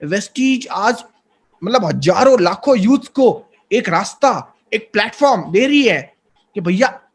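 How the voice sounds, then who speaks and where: A man's voice: high voice, expressive, a little slow, husky. A man in his twenties, a network marketing guest, giving an earnest and persuasive motivational interview. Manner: earnest, persuasive, mixes English terms.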